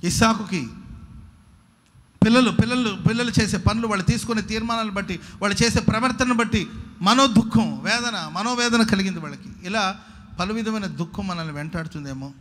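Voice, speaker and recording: A man's voice: sits high, brisk, a bit bright. A man preaching a sermon as pastor, repeating his words for emphasis and leading the congregation to read verses back after him. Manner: emphatic repetitive preaching, leads congregation in reading verses aloud.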